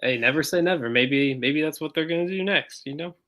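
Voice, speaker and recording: A man's voice: a little high, brisk, fairly bright tone. A man co-hosting a soccer podcast in casual chat, easygoing and agreeable with frequent fillers. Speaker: podcast co-host.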